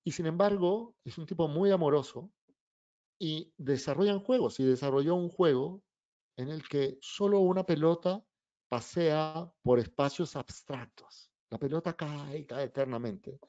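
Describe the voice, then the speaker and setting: A man's voice: fairly high pitch, a little slow, no echo, muffled recording. A middle-aged children's author giving an anecdotal talk, acting out the dialogue in his stories. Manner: animated storyteller acting out dialogue.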